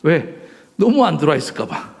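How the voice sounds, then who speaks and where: A male pastor delivering a sermon, swinging between soft near-whispers and loud outbursts. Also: a little high, big pitch swings, normal speed.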